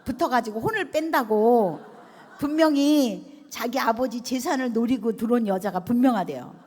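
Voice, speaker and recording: Pastor's wife, testimony speaker: animated storyteller who acts out quoted dialogue, recorded in a reverberant hall. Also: female voice, on the high side, normal speed, slightly rough. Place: large hall at a retreat resort.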